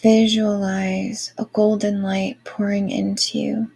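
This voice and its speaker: A woman guiding a meditation as a Reiki healer, with a creaky voice and an airy, breathy, soothing delivery. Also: medium pitch, flat delivery, slow pace, a little mellow. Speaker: online manifestation coach and Reiki guide. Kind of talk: guided meditation.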